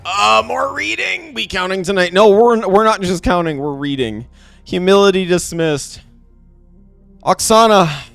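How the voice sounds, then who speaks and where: Male streamer, animated and chatty, highish voice with a very lively pitch, light music under him. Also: a little slow, creaky, dry recording. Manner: animated, laughs often, talks to chat viewers. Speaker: streamer playing a game. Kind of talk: casual live-stream chat.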